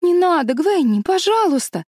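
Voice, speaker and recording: A woman's voice: very high-pitched, sing-song, normal speed, a little mellow, no echo, clean studio sound, voice pushed up. A woman reading an audiobook, voicing a timid, anxious little girl who begs her friend to be careful. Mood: pleading. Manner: pleading, begging, frightened. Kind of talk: audiobook character voice.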